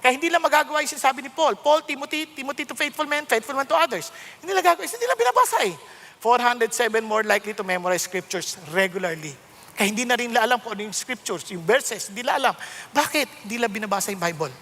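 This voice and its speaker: A middle-aged Filipino pastor preaching an animated sermon that switches between Tagalog and English. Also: very high-pitched, fast. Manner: animated, mixing Tagalog and English, self-mocking humor. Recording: long hall reverb.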